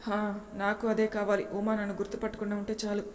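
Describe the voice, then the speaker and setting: A woman's voice: medium pitch, completely flat delivery, a little fast, darkish tone, slight background noise, lightly acted. A woman voicing an anxious young office worker who muses earnestly to himself. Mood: longing. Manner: worried, earnest inner musing. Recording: long reverb echo.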